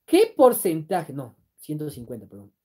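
Lively woman teaching math. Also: deep voice, moderate pace, breathy edge. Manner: explains step by step, keeps checking in with "¿sí?"; reads viewer comments aloud and answers them. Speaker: math exam-prep teacher. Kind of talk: live-streamed lesson.

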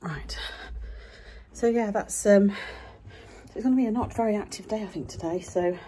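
A woman's voice: mid-range voice, normal speed, mellow, husky. A middle-aged woman, chatting casually and rambling through her day to a handheld camera at home. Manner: chatty, rambling, self-deprecating. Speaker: vlogger. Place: home and back garden.

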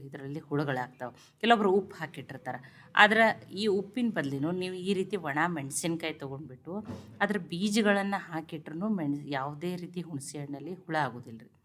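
A woman hosts a cooking channel from a home kitchen, showing kitchen tips and urging viewers to look and try them. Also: low voice. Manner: instructive, keeps telling viewers to look and try.

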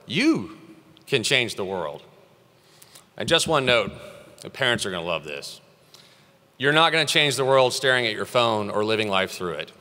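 A man's voice: medium pitch, bright, forceful tone. Earnest man giving a commencement speech. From Texas. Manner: earnest, encouraging, rising emphasis on key phrases. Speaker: commencement speaker. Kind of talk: commencement address. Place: large hall at a graduation ceremony. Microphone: podium microphone. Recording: long reverb of a large hall.

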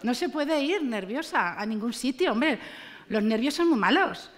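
A woman, performing a stand-up comedy monologue on a TV stage, animated and ironic. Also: on the high side, moderate pace, some chatter behind. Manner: animated, ironic, acts out characters. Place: TV studio stage with live audience.

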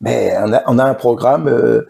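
A man, a singer from western France, chatting in an interview in a relaxed, halting way with many fillers and restarts. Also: medium pitch, creaky, slightly rough. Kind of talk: casual interview chat.

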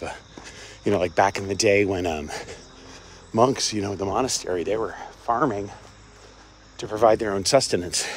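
Walking a suburban campus, an older man from Cincinnati, Ohio, rambles casually to his phone camera held at arm's length, audio through wireless earbuds. He speaks on the low side, chatty, chuckling, and using lots of fillers; a little hiss or hum is audible.

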